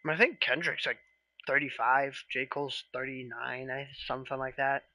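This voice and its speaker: A man talking casually to his viewers on a live stream, in a gravelly, bright voice. He rambles in a relaxed way and often trails off into half-asked questions. The sound is dry and close, with no room echo. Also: medium pitch, moderate pace.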